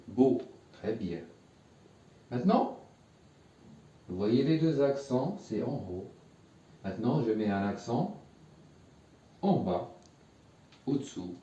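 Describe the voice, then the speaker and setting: A man with a dark voice on the low side teaches Arabic at a whiteboard, patiently saying words again and again for learners to repeat. The room is echoey and his voice sounds distant.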